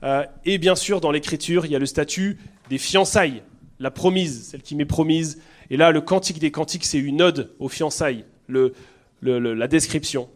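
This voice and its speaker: A man's voice: on the high side, moderate pace. Earnest man with a southern French accent. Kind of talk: conversational teaching talk.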